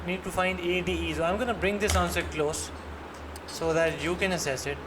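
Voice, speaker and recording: A man's voice: high voice, steady tone, brisk. Pakistani-accented man tutoring over noisy audio. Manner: encouraging, step-by-step questioning. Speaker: maths tutor. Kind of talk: interactive one-to-one lesson. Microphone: computer mic on online screen-share call. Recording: noisy online lesson audio, background hum.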